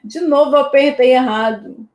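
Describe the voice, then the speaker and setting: A woman's voice: sits high, normal speed, darkish tone, reverberant. A woman from Brazil teaching an online exam-prep lesson in a chatty way, checking in with her students after almost every point.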